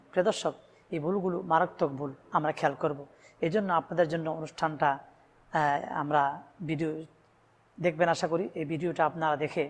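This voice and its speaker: A man from Bangladesh teaching Quran reading, addressing viewers and stretching out each Arabic letter sound with emphatic repetition. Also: a little high. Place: room with a blackboard. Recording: long hall reverb.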